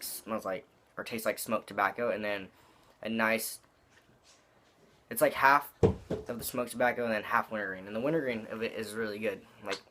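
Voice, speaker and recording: Low-voiced young man with a dip in. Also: a bit bright. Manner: rambling, slangy and profane. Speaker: product reviewer. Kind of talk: casual review talk.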